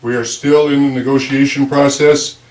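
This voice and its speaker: A man's voice: medium pitch, level tone, normal speed, a little mellow. Man chairing a town meeting, lisps w a whistly s, roomy echo, mic kinda far off. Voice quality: lisp from a dental appliance, whistling s. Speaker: village board chair. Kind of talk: formal prepared speech at a public meeting. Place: indoor village board meeting room. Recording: roomy, distant meeting-room microphone.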